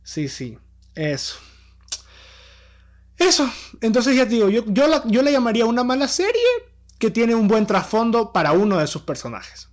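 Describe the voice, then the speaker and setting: A young man, co-hosting a casual podcast chat, animated and quick to restart his sentences. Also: very high voice. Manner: animated, restarts often, laughs easily. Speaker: podcast co-host.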